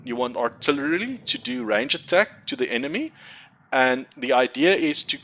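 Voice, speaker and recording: A young man, a gaming content creator whose first language is Afrikaans, explains building a card game deck in casual tutorial commentary. He rambles and corrects himself in a chatty way, using a mid-range voice with a fairly bright tone.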